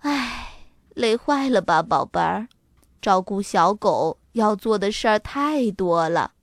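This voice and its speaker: A woman reading a storybook, voicing a tender mother who speaks softly and soothingly. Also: mid-range voice, expressive, takes it slowly, no echo, studio quality.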